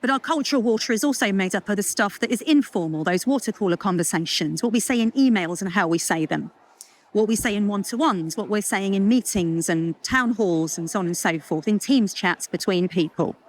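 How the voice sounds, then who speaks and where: A woman giving a chatty, lively conference talk, full of jokes and asides. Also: mid-range voice, fairly quick, slight background noise. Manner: lively, chatty, self-deprecating with puns and asides. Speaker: culture consultant speaker. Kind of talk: conference talk to a live audience.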